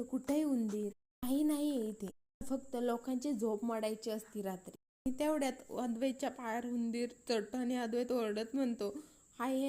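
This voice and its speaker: A woman's voice: high voice, dark tone. A woman with a Marathi accent retelling a serial episode, quoting each character's lines in turn. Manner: retells scenes with quoted dialogue, "so-and-so says". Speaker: storyteller recapping a TV serial.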